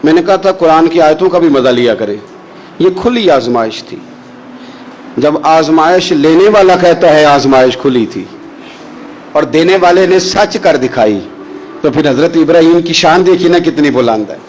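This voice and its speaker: A man preaching a sermon, telling a story with passion and chanting verses slowly. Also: a little high, animated, darkish tone, slight background noise, low-quality recording.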